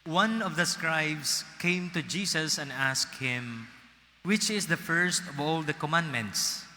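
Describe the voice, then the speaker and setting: Filipino-accented priest, unhurried and bright-toned, long reverb from a cathedral echo. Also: male voice, a little high, animated. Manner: slow, deliberate delivery. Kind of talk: gospel reading and homily. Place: large cathedral.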